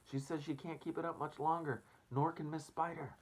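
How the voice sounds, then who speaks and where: A man voicing a bossy, frantic storybook centipede who yells orders and insults. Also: a little high, level tone, moderate pace, pitched above the performer's own voice, lightly acted, rough recording. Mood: alarmed yelling. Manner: exhorting, yelling.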